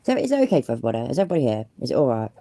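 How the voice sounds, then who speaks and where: Her bass voice swings widely in pitch and rushes along very fast with a dark tone and no room sound. She's a livestream host with a stuffed-up cold, chatting casually on her phone, cursing freely and being self-deprecating.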